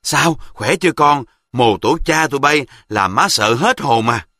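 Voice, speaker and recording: A man's voice: mid-range voice, animated, a little slow, sharp tone, no room sound, clean studio sound, exaggerated voice. A man voicing a tearful, fretful middle-aged mother with a Southern Vietnamese accent. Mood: relieved.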